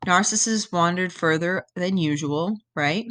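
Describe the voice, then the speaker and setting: Lady teacher going through a myth for her class, lowish voice, does the quotes kinda dramatic. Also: measured pace. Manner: explains step by step, checks in with "right?"; reads quoted lines in an animated voice. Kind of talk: recorded lesson reading a myth aloud.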